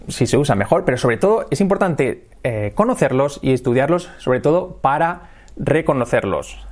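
Man, casual video teacher, middle pitch, repeats English lines slowly. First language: Spanish. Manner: explains, then repeats English phrases slowly.

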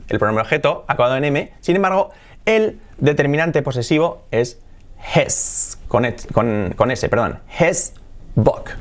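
A man with a Spain Spanish accent teaching a recorded lesson, explaining step by step and repeating and spelling words out slowly. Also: medium pitch. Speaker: English teacher.

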